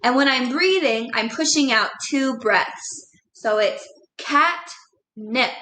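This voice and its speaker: Woman primary teacher, slow patient delivery, spells words aloud; roomy sound. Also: sits high, fairly bright tone, a little hiss or hum. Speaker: second grade teacher. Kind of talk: recorded classroom lesson.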